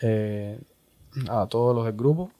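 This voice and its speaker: A man from Cuba with a Cuban Spanish accent, a music producer speaking as a guest in a relaxed interview, often tagging "¿entiendes?". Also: on the low side. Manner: slow, laid-back, repeats "¿entiendes?". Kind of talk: casual interview.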